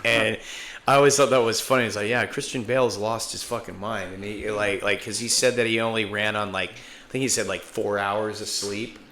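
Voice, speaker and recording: A man's voice: fairly low pitch, fairly even intonation, moderate pace, bright, forceful tone, slight background noise. A man co-hosting a podcast, rambling loosely and animatedly in casual chat and swearing freely. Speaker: podcast co-host.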